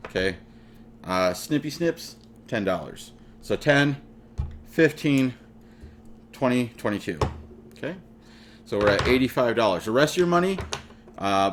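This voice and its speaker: A man's voice: mid-range voice, a little hiss or hum. A man hosting his own hobby channel, chatting casually and jokingly straight to his viewers. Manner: playful, jokey, talks straight to viewers. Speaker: channel host. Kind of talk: casual hobby vlog talk.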